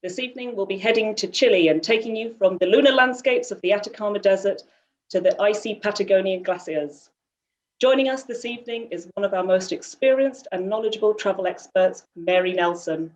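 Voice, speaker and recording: A woman's voice: medium pitch, a little fast. Woman host giving a formal welcome. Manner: polite and formal. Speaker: event host. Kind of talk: scripted introduction. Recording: dull lo-fi audio.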